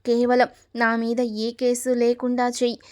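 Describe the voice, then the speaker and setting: A villainous middle-aged stepmother from a storybook, pleading and justifying herself, as a woman reads her lines. Her voice sits fairly high and stays flat, with little rise or fall in pitch. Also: a little slow, lightly acted.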